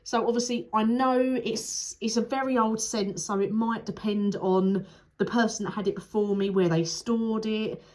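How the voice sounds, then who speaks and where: Talking through a candle in a casual review vlog, a young woman is candid and chatty. Her fairly high voice is steady and darkish at a moderate pace, though it sounds stuffy and nasal from a cold, broken by occasional sniffles.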